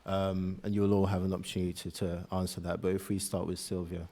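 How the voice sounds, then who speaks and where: Deep-voiced male panel moderator. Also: monotone, fairly quick, mellow, a little hiss or hum.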